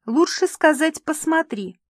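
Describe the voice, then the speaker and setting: A woman reads aloud in a high, lively voice at a measured pace, recorded cleanly in a studio with no echo. Pitching above her own natural voice, she plays a prim, disapproving mother correcting her daughter.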